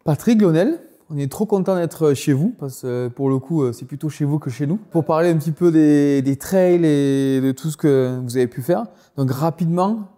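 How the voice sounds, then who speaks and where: Friendly male host, warm voice. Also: fairly high pitch, moderate pace, hardly any pauses. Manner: friendly, informal questions. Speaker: host, interviewer. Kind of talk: casual interview.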